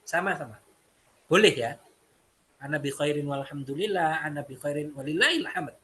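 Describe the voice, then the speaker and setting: A man's voice: fairly high pitch, animated, normal speed, pushed and bright, slight background noise. A man teaching an Arabic lesson, explaining step by step and repeating phrases. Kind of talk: classroom lesson.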